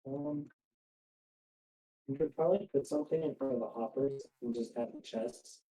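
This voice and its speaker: A streamer with a warm mid-range voice and moderate pace chats casually with a friend during a game, laughing often and fussing over tech trouble. Robotic voice-chat distortion colors everything they say.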